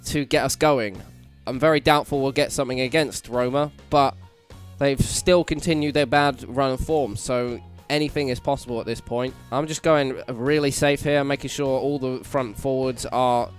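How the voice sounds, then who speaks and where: Hungover british guy doing a casual game playthrough, bit croaky and self-deprecating, music playing behind him. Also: mid-range voice. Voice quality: slightly croaky from hangover. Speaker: gaming YouTuber, host. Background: background music.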